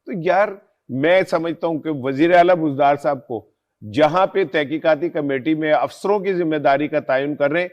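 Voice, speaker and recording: A man speaking as a panelist in a talk show discussion, building from measured points into indignant rhetorical questions. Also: a little high.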